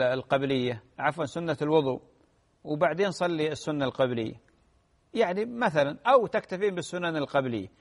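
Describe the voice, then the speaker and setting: A man, a sheikh answering listeners' religious questions in a gentle advisory way. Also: a little high, big-room sound. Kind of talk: radio religious Q&A.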